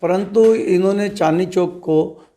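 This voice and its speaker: A man, a trade representative, giving measured, emphatic interview answers and often posing rhetorical questions. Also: sits high, warm tone. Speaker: trader association leader interviewed as guest.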